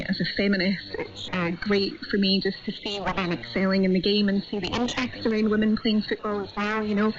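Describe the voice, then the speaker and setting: Woman with a broad Scottish accent, muffled audio. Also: mid-range voice. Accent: strong Scottish. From Australia, born and raised in Sydney. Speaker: panel guest. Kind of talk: conversational panel discussion.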